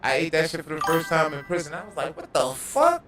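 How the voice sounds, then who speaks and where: A man's voice: a little high, little pitch movement, fast talker, music in the background. Profane man chatting on a gaming stream. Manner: profane, slangy storytelling. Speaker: livestreamer. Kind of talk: casual gaming livestream chat. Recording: echoey room, distant mic.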